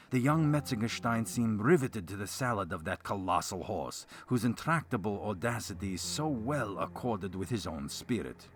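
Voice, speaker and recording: A man narrating a gothic story as a dramatic reading, in a theatrical, hammy stage-actor manner. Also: on the low side.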